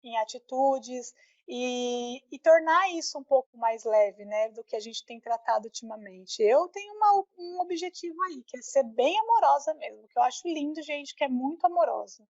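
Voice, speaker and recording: High-voiced Brazilian woman chatting casually. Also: lively intonation, moderate pace, a little mellow, dry recording, dull audio. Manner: chatty, emphatic, frequent "né" tag questions. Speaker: podcast co-host. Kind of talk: casual conversational chat.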